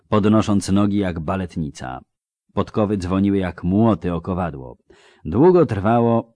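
A man with a deep, low voice reads a fantasy audiobook in measured, dramatic phrasing. The recording is dry and close, with no room sound. He paces the tale steadily. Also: darkish tone, no echo. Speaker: audiobook narrator. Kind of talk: scripted fantasy narration.

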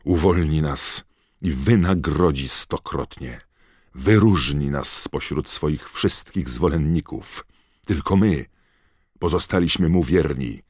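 A man voicing a fanatical, defiant dark witch in an audiobook. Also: rumbling low, slow, slightly rough, dry recording, studio quality, voice pushed up, exaggerated voice. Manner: defiant, zealous declarations. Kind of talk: audiobook character voice.

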